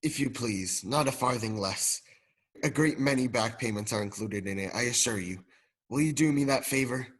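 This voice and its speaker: A man's voice: medium pitch, moderate pace, breathy edge, close to an everyday voice. Young man playing Scrooge, a joyfully reformed old miser. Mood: jovial, grateful. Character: elderly miser turned joyful, generous and repentant. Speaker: student drama performer. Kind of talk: radio play acting.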